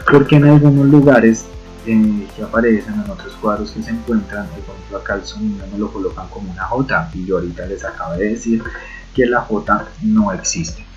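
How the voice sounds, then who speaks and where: Low-voiced man teaching, patient and explanatory. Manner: patient, explanatory, repeats sounds slowly. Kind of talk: online lecture on Greek roots. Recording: dull lo-fi audio with faint music.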